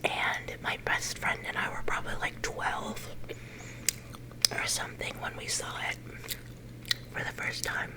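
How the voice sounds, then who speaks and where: A middle-aged woman leaning in to whisper a casual, unhurried ASMR chat, her whisper a little growly at times. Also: low-quality recording. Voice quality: whisper that turns slightly growly. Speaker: ASMR video creator.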